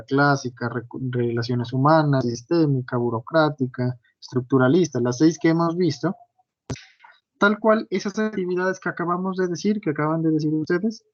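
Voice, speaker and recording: A man's voice: fairly high pitch, no room sound. A man teaching an online class, constantly checking in with his students. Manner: frequent checking tags like "¿sí?". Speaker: university lecturer. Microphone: computer mic on a video call. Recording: dull lo-fi online call audio, dry.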